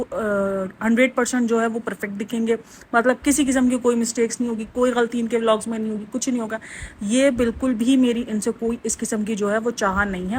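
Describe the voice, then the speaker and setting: A woman's voice: a little high, slight background noise. A woman talking straight to her channel's viewers in a casual reaction vlog, chatty and defensive as she argues her point and lectures a little. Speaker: reaction vlogger.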